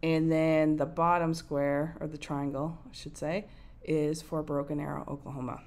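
A woman's voice: low voice, little pitch movement, normal speed, darkish tone. A woman from Nova Scotia in her forties, chatting casually about her cross-stitch project at home, thinking aloud with plenty of ums. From Nova Scotia, Canada. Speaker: cross-stitch video host. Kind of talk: casual show-and-tell chat. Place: home room with window blinds, indoors. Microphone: fixed camera at desk distance.

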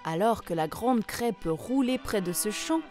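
A woman narrating a children's fairy tale in a clear, measured way. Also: mid-range voice, lively intonation, darkish tone, soft background music.

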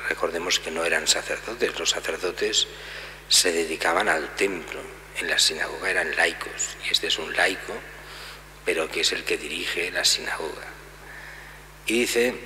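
A middle-aged male priest giving a homily at a lectern in a church, explaining the Gospel calmly with many asides. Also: low voice. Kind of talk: homily at daily Mass. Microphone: lectern gooseneck mic. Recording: church reverb, faint hum.

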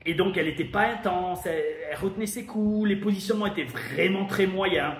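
A man's voice: sits high, a little fast. Chatty French reviewer man, echoey room. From France. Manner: chatty, emphatic, thinks aloud. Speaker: wrestling show reviewer. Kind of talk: casual review monologue. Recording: echoey room with faint noise.

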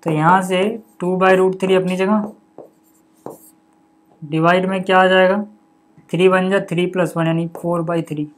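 In a step-by-step board lesson, a male maths teacher with a high voice and level tone moves at a measured pace, pausing often. He reads the numbers and steps one by one, keeps asking the viewer what comes next before answering himself, and slips in casual fillers like "okay" and "buddy."

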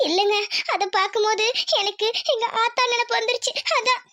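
A woman voicing a tender, tearful young village wife in a cartoon, talking softly and apologetically. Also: extremely high pitch, steady tone. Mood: tearful, apologetic. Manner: soft, apologetic, quick to cry. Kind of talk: Tamil cartoon voice acting.

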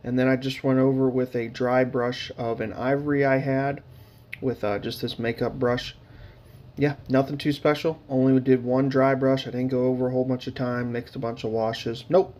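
A man's voice: medium pitch, flat delivery, normal speed, darkish tone. A man casually narrating his hobby painting footage, rambling with lots of fillers and dry, sarcastic humor.

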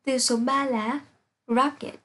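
A woman teaching an English pronunciation lesson, reading out sounds and example words slowly and carefully to her students. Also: fairly high pitch, slightly rough. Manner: slow, careful, spelling out sounds one by one.

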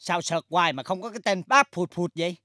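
An actress plays a theatrical boss who scolds and frets over every setback. Her voice is bright and forward, recorded dry and close. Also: fairly low pitch, fast talker, no echo. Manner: dramatic, scolding, exasperated. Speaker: boss of a music company. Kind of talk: sitcom acting.

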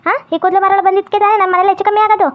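A woman voicing a deaf, cranky old grandmother who scolds fast and holds to strict customs, in a comedy skit. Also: little pitch movement. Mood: scolding. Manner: scolding, shrill and quick. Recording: tinny phone-like sound.

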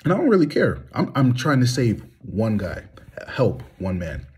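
A husky, slightly mellow mid-range voice belongs to a vlogger in his thirties, very animated and speaking at a moderate pace. Reclining in a small room with his phone at arm's length, he delivers a candid monologue that's heated and blunt, peppered with rhetorical questions.

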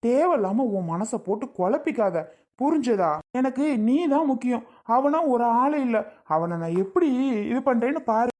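A woman playing a worried middle-aged father and elder brother in a home-made family drama skit, talking slowly and heavily. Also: on the high side, lively intonation, a little mellow. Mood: reassuring.

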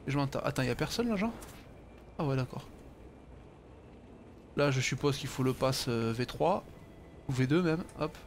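A man's voice: medium pitch, expressive, normal speed, pauses often, slight background noise. A man giving casual gaming commentary, muttering to himself and swearing offhandedly. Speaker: let's play host.

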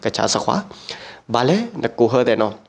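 A man telling a traditional story aloud in an unhurried, steady way. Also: mid-range voice, gravelly. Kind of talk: oral folk storytelling.

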